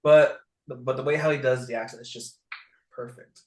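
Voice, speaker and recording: A man joins as guest in a casual recap chat, speaking haltingly with many restarts. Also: mid-range voice, fairly even intonation. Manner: halting, full of "you know" restarts. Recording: roomy echo.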